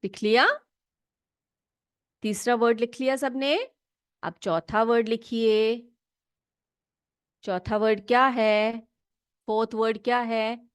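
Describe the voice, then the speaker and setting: A woman teaching children English words in an online class, slowly spelling each word letter by letter and coaxing them with questions. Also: on the high side, clean tone, no echo, clean studio sound. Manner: patient, coaxing, asks questions.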